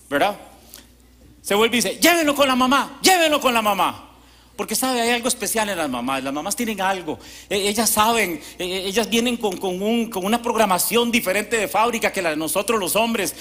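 A male pastor, preaching a sermon at a church service as a lively storyteller who acts out quotes and asides. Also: high voice.

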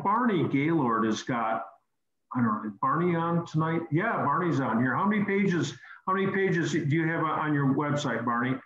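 A man's voice: on the high side, a bit bright. A man hosting a technical call-in chat, explaining repairs and often repeating words while he thinks. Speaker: host. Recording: roomy video call audio, slightly dull.

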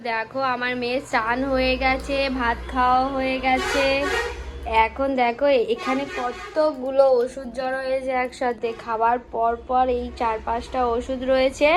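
Indoors in her kitchen, this vlogger narrates her cooking and childcare to viewers in a chatty way. She's a young woman from West Bengal with a sore throat and blocked nose. Her high-sitting voice has little pitch movement and a moderate pace.

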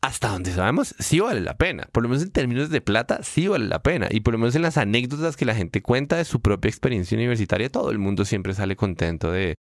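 A man talks through ideas on a casual podcast, his voice jumping up in pitch when he stresses a point. His mid-range voice sits close to the mic with a dry, dead sound and no room around it. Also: expressive, fast, hardly any pauses, no echo. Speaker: podcast co-host.

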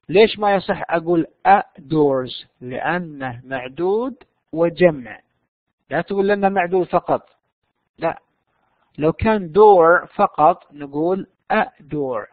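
A man's voice: a little high, no echo. A man teaching an online English lesson, explaining step by step and answering his own questions. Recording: dry tinny phone-like line.

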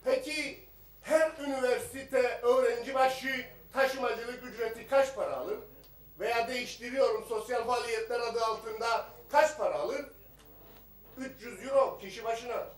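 Speaking at a rostrum microphone in a parliament chamber, a male member of parliament fires rhetorical questions at the minister in a combative speech. His voice is extremely high and unhurried. He stands far from the mic, so his voice sits a bit off it and echoes through the assembly hall.

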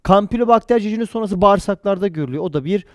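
A man's voice: high voice, expressive, a little mellow, dry recording, studio quality. A man teaching a pathology exam-prep lecture, firing questions at students and answering them himself, with jokey mnemonic asides. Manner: quizzing, answers own questions quickly.

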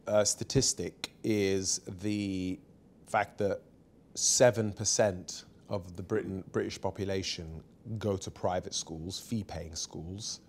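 Interview guest, man, 40s, lowish voice, frank and forceful, small studio, lapel mic. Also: slow. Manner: emphatic, candid, lively anecdotes. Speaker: barrister and author, interview guest. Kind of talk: seated conversational interview. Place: small bright studio set.

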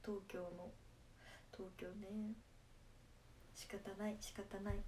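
A woman's voice: medium pitch, little pitch movement, slow, dark tone, a little hiss or hum. A young woman from Nagasaki speaking in Nagasaki dialect, chatting playfully with viewers on a casual livestream and laughing often. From Japan, Nagasaki. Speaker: idol livestreamer.

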